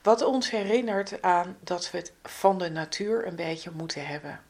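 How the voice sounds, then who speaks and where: A woman with a slightly low voice and plenty of vocal fry delivers a spiritual astrology forecast. She speaks very slowly and gently, in an instructive way. Her phrases often sink into a breathy near-whisper.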